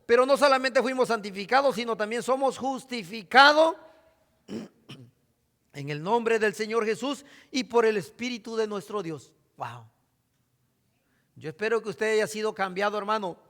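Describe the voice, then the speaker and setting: A man preaching a sermon, dropping to hushed asides and then reading scripture out loud with force. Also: high-pitched, expressive, unhurried. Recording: hall reverb.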